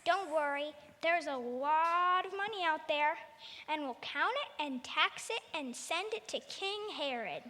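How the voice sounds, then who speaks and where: A woman's voice: high-pitched, lively intonation, unhurried, sharp tone, big-room sound, exaggerated voice. A woman voicing a short, pompous male tax collector in a cartoon, boastful and self-important. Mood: smug. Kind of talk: cartoon acting.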